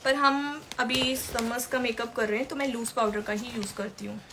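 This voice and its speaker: A woman's voice: fairly high pitch, fairly even intonation, normal speed, noisy background. A woman makeup artist teaching makeup in a chatty way during a live-stream tutorial, answering viewer questions as she works.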